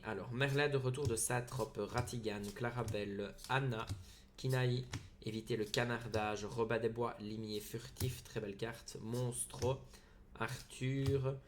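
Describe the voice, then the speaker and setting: A man's voice: medium pitch, a little hiss or hum. Man rattling off card names casually. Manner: rattles off card names in lists, with brief excited asides. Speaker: card-opening video host. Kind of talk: casual narration of a card pack opening.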